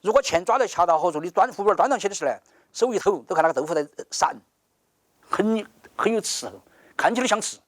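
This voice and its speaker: Fast, animated man. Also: sits high, no echo, studio quality. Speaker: interviewee explaining cooking technique. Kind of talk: explaining in an interview.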